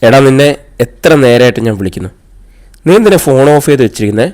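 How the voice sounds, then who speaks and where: A man's voice: mid-range voice, expressive, quick pace, darkish tone, close to an everyday voice. Preachy lecturing older sister, read by a man. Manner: lecturing, sarcastic.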